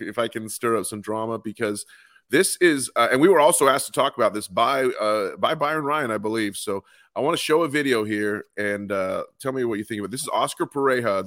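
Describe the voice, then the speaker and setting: A man's voice: lowish voice, a bit bright, dry recording, studio quality. A man co-hosting a casual sports podcast, chatty and enthusiastic as he reads out fan replies. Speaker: podcast co-host. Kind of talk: casual chat.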